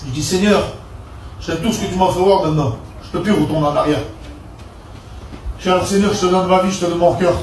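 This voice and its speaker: Fervent high-voiced man testifying in an echoey hall. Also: quick pace, long pauses, slight background noise. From Perpignan, southern France. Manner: fervent, storytelling with repeated "je dis". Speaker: preacher giving testimony. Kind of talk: church testimony. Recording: echoey room picked up from a distance.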